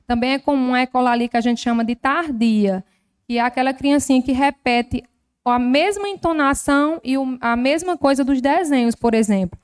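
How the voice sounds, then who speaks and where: A woman's voice: sits high, normal speed, smooth. A woman with a Northeastern Brazilian accent, a health professional giving an explanatory talk at a formal session, teaching patiently with many examples. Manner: didactic, explains with examples and diminutives. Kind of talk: lecture at a formal council session. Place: legislative chamber.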